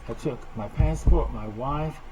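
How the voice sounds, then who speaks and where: A man in his seventies tells stories as an interview guest, with a dry, wry touch. He speaks at an ordinary pitch. Clear background noise sits under the voice. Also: measured pace, mellow, rough recording. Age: 70s. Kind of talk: casual interview, telling anecdotes.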